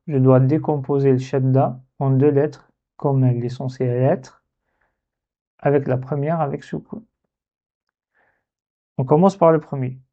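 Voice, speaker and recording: A man teaching a lesson step by step, patient, and repeating words slowly so they can be copied. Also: medium pitch, dark tone, dull audio. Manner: slow, patient, repeats words to model pronunciation.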